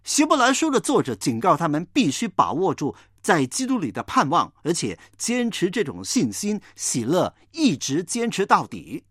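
A preacher giving a Bible teaching sermon, retelling scripture as an animated story. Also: medium pitch, normal speed, few pauses, slightly rough, dry recording, studio quality.

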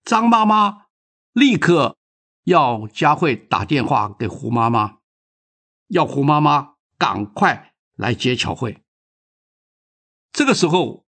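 A man reading a children's story aloud with expressive, dramatic narration. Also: fairly high pitch, vocal fry, slightly rough.

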